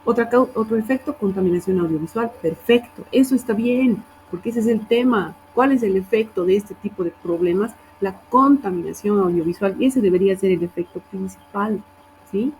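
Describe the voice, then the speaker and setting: A woman's voice: medium pitch, brisk, darkish tone, a little hiss or hum, low-quality recording. A woman teacher reviewing student assignments, correcting wording and often checking in with her class.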